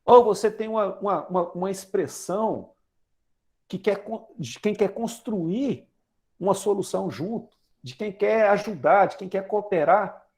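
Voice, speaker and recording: In a high-pitched, darkish voice and a somewhat slow delivery, a Brazilian man in his forties preaches conversationally with a Brazilian Portuguese accent. As a lay preacher, he poses questions to the congregation and illustrates with everyday examples.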